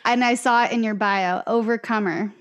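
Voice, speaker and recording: A woman's voice: on the high side, steady tone, moderate pace, dull audio. A woman co-hosting a podcast, asking interview questions in a playful, encouraging way and laughing along with her guest. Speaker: podcast co-host. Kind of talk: casual conversational interview.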